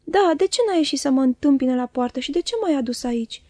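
A woman's voice: high voice, lively intonation, warm tone, no echo, studio quality. A woman voicing a frightened young boy who asks urgent, pleading questions.

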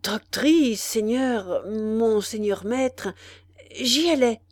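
A woman's voice: medium pitch, animated, a little slow, darkish tone, no room sound. A woman voicing a timid, greedy old male concierge who mutters fretfully and breathlessly to himself. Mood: terrified.

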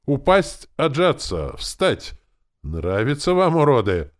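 A man's voice: medium pitch, huge pitch swings, slow, pitched above the performer's own voice. A man voicing a foul-mouthed zombie jailer who barks drill orders and swears at prisoners. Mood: furious barking. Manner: shouting, swearing, commanding.

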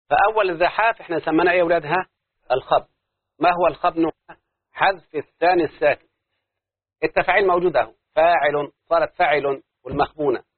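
A husky, slightly high-voiced man with an Egyptian accent teaches a class, checking again and again that his students understand. The sound is dry and narrow like a phone line. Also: no room sound. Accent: Egyptian Arabic. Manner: keeps quizzing the class, asking if they follow. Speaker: teacher of Arabic prosody. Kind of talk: classroom lesson.

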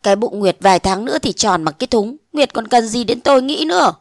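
A woman voicing an eighteen-year-old girl who pleads and reproaches her lover, rising to shrill protest. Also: expressive, brisk, dry recording, clean studio sound. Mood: reproachful. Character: young woman of eighteen, tearful and indignant.

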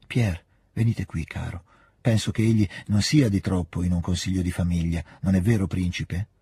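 A scheming noblewoman coaxing with soft, drawling sweetness, as a male narrator puts her on. The tone is deep and breathy. The reading sounds dry and close, like a storybook. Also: fairly even intonation, fairly quick, dry recording.

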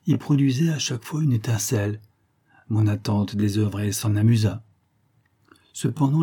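A man narrating an audiobook of a classic novel in a measured, literary reading style. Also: fairly low pitch, mellow, husky.

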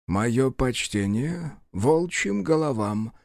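A fussy, ceremonious town official who bows over his words and pleads with his staff, as a man puts him on in an audiobook. His voice sits a little higher than the narrator's, with a lively, rolling pitch. The sound is dry and close. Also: slow pace, gravelly, dry recording. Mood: polite. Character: fussy, polite middle-aged male town official.

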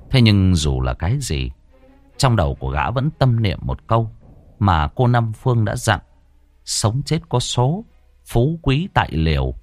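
A man's voice: on the low side, darkish tone, no room sound. A man narrating a scripted horror story in a dramatic storytelling manner.

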